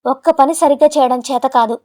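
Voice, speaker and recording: A woman's voice: high voice, close to an everyday voice. A woman voicing a scornful, hot-tempered husband. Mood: scornful shouting. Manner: shouting, contemptuous, rapid.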